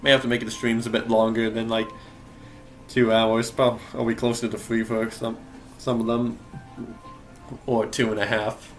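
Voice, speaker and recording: A man's voice: mid-range voice, completely flat delivery, normal speed, long pauses, soft background music. A young man giving casual gameplay commentary, rambling and correcting himself, often laughing. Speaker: game streamer.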